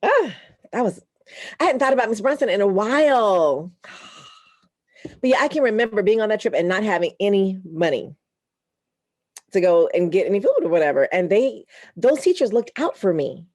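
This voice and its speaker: A woman radio broadcaster, a guest, telling personal stories in an earnest, animated way and laughing easily. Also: mid-range voice, moderate pace, pauses often, no echo, studio quality. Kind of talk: heartfelt conversational storytelling.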